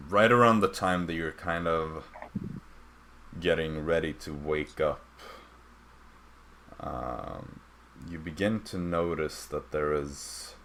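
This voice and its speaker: A man's voice: very deep voice, creaky, a bit bright, slight background noise. A young man narrating as dungeon master, with a hesitant manner full of fillers. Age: young adult. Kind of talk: narrating a tabletop game.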